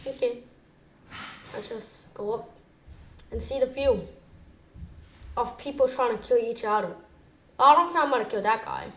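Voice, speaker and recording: A woman giving chatty, excitable commentary while playing a video game, switching between low muttering and sudden exclamations. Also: measured pace, pauses often, reverberant. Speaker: gamer. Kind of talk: gameplay commentary.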